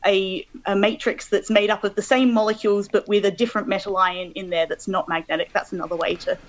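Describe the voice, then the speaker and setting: A woman's voice: medium pitch, steady tone, brisk, lo-fi sound. An Australian woman in her thirties from Adelaide, a guest scientist on a call-in interview, explaining step by step with frequent ums.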